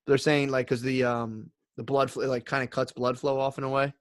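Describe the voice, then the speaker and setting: A man's voice: medium pitch, little pitch movement, brisk, dry recording. Easygoing man in profane podcast banter. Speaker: podcast co-host. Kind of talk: casual chat.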